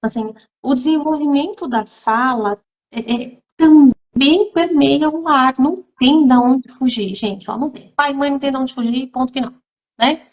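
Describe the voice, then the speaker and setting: A woman's voice: high voice, moderate pace. A woman, a literacy teacher who is also a mother, talking emphatically to viewers in a live stream, full of fillers and direct appeals. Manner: emphatic, addresses audience directly, many fillers.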